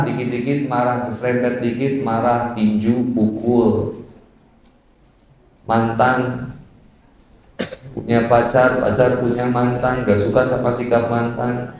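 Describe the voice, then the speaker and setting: Playful preacher in echoey mosque. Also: male voice, a little mellow, a little hiss or hum. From West Java. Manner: playful, acts out quarrels in sudden high voices; chants Arabic verses slowly. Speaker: Islamic preacher. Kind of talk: humorous sermon. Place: mosque hall.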